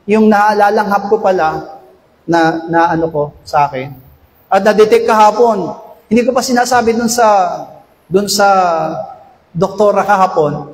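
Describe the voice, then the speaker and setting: A man, a pastor giving a chatty, storytelling sermon that swings up to loud shouted exhortation. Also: sits high, moderate pace, long pauses. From Philippines. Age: 50s. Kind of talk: conversational sermon. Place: church sanctuary. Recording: echoey church hall, long reverb.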